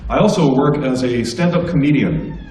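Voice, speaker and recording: Recorded at a distance in an echoey hall, a middle-aged comedian from the United States jokes with and teases students while telling funny stories at a school assembly. His medium-pitched voice swings hugely in pitch at a normal speed, sounding a little mellow with slight hiss or hum.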